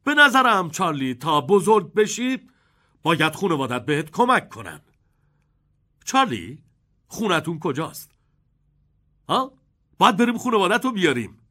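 Playful old chocolate maker by male reader, high bright voice, lively lilt. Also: pauses often, heavily acted.

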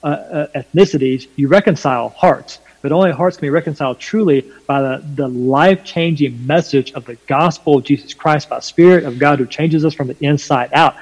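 A man with a Southern US accent and a slight twang, explaining his faith emphatically and deliberately in a preaching style during a conversation. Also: on the high side, darkish tone. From North Carolina, USA. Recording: long hall reverb.

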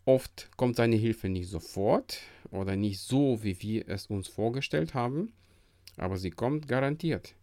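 A man's voice: medium pitch, unhurried, darkish tone, dry recording, clean studio sound. A man hosting a devotional podcast, talking earnestly and encouragingly in a preacher-like way. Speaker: podcast host.

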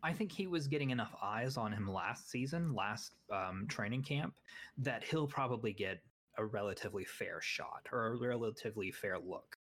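Young male co-host, lower register, casual and opinionated, self-deprecating. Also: expressive, moderate pace, fairly bright tone. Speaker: podcast co-host. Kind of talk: casual sports chat.

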